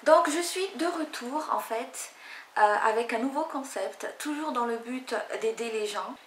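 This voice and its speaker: A woman's voice: on the high side, measured pace, slight background noise. Chatty young woman vlogging hair tips. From French Guiana. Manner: chatty, rambling, many fillers. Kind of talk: casual hair tutorial. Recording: echoey room.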